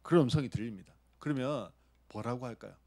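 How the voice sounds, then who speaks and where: A man's voice: mid-range voice, fast talker, darkish tone. A man preaching a sermon, asking the congregation questions and acting out short lines of dialogue. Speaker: pastor.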